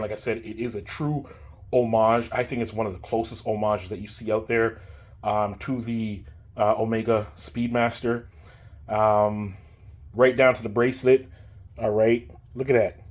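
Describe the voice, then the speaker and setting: A man's voice: medium pitch, darkish tone. A man giving a casual, chatty watch review, laid-back and talking straight to the viewer.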